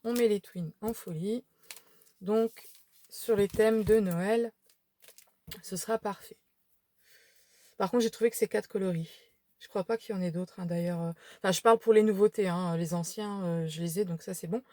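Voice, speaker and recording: A woman's voice: mid-range voice, fairly even intonation, normal speed, long pauses, warm tone, no room sound. A tired woman showing a craft shopping haul at home, chatting casually with many fillers and restarts. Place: home room by a window.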